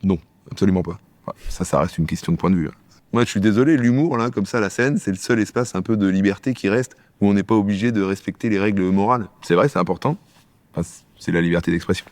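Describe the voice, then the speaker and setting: Male sketch comedian, low register, rapid-fire bickering delivery, dry close sound. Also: darkish tone, no echo. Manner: quick, bickering back-and-forth between two characters.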